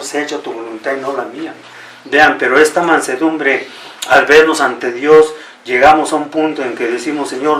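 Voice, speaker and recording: Preacher in an echoey church hall. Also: male voice, on the high side, a bit bright. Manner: conversational, often asks the congregation "¿no?" and "vean". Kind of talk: sermon. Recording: echoey room, voice from a distance, faint background noise.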